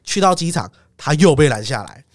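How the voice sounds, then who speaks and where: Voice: mid-range voice, sing-song, fairly quick, dry recording, clean studio sound. A podcast co-host, telling a travel story in casual chat, laughing often and swearing casually.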